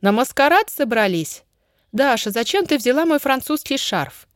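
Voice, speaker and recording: A woman reading the part of a worried middle-aged mother who questions everyone quickly, in a dry recording. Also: high voice, expressive, dry recording, pitched above the performer's own voice. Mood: surprised.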